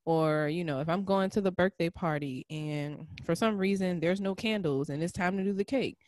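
Deep-voiced woman on a podcast, calm and thoughtful, lots of mm-hmms, dry mic. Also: normal speed, no room sound. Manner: supportive, reflective, lots of affirming backchannel. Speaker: podcast co-host. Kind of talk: casual chat.

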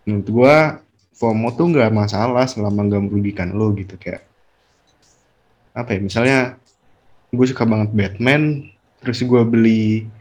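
A man's voice: lowish voice, normal speed, pauses often, a little mellow. A man talking as a guest on a casual podcast, easygoing and thinking aloud with fillers.

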